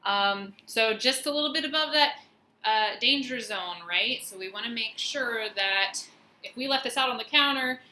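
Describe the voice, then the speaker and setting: A woman's voice: fairly high pitch, normal speed, pushed and bright. A young woman, a nutrition student, chatting informally with lots of fillers as she cooks dinner at home and films it. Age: young adult. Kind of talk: casual cooking vlog with teaching. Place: home kitchen. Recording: echoey kitchen.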